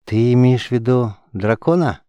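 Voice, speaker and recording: A man's voice: medium pitch, normal speed, mellow, smooth, no room sound, muffled recording, natural voice. Man as a hesitant young mage. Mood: guarded. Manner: hesitant, mumbling.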